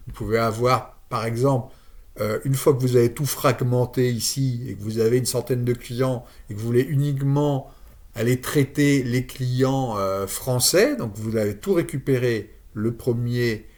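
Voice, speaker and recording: A man giving a screen-share software tutorial, thinking aloud with frequent fillers and restarts. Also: medium pitch, moderate pace. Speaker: automation tutorial presenter.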